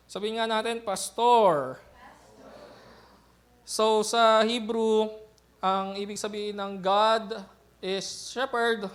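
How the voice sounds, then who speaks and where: A man's voice: sits high, fairly bright tone. A man preaching a sermon as pastor in an easygoing, conversational way, often checking in with the congregation through little tag questions.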